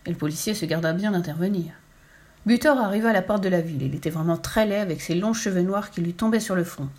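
A woman narrating a children's storybook aloud in a steady, clear storytelling voice. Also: fairly low pitch, quick pace. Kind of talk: storybook reading.

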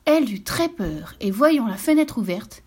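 A woman's voice: a little high, big pitch swings, measured pace, a little mellow, slightly rough. A woman narrating a children's storybook expressively, sometimes dropping to a whisper.

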